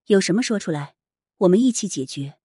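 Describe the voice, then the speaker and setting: A caring young husband speaks quietly and soothingly, voiced by a woman narrator. The husky voice is close and dry, as in a storybook reading. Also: mid-range voice, animated, fairly quick, no echo. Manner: soft, soothing.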